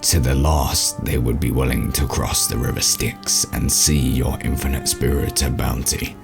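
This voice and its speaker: A smug occult warlord from a space cartoon. His voice is extremely low and gravelly, his delivery pompous and ceremonious. Music plays behind him. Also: flat delivery, measured pace, full character voice. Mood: reverent. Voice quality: deep, gravelly. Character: Wrathchild, grandiose male alien occult warlord, obsequious and smug.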